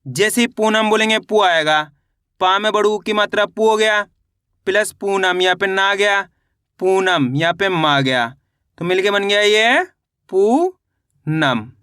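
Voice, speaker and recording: A man's voice: high-pitched, unhurried, sharp tone, clear, resonant tone, dry recording, clean studio sound. A man teaching children to read and write words, spelling each one out syllable by syllable and answering his own questions. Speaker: Hindi literacy teacher.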